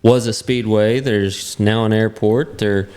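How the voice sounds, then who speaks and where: Low-voiced casual male co-host. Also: steady tone, unhurried, a little mellow, clear, resonant tone. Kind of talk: casual interview chat.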